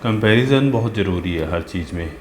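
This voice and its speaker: Art teacher, male, low voice, patient casual tutorial tone, echoey room. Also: expressive, moderate pace, slight background noise. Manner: patient, talks while working, asks "है ना?" and "ठीक है?" often. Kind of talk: casual step-by-step drawing tutorial. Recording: roomy with faint ambience.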